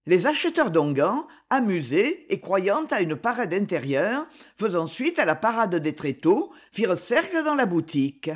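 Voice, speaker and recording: An expressive audiobook narrator reads an old adventure novel with theatrical flair. The voice rises and falls in a lively, animated way, mid-pitched. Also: normal speed, few pauses. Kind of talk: scripted narration of a historical novel.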